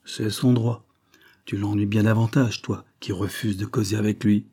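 A man's voice: on the low side, fairly even intonation, normal speed, mellow, slightly rough. A man voicing a worldly, ironic male police agent who talks in a blunt, mocking, sententious way. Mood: reasoning.

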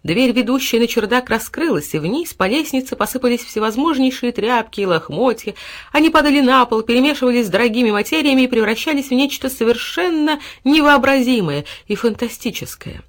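A woman reads a fairy tale aloud as an audiobook. Her narration is expressive and animated, rising with the action. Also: fairly high pitch, fairly quick.

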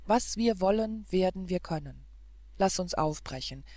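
A woman reads a brave, devoted young hero from a fairy-tale audiobook. He speaks with fervent urgency. The delivery is slow and measured, and the sound is dry and close. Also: on the low side, lively intonation, warm tone, dry recording. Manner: fervent, urging.

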